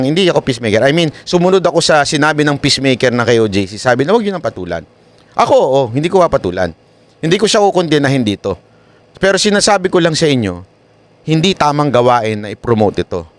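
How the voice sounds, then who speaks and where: A man giving live-stream commentary in an animated way, often tossing tag questions to viewers. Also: mid-range voice, fast talker, dry recording. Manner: animated, keeps asking "di ba?". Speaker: online news commentator.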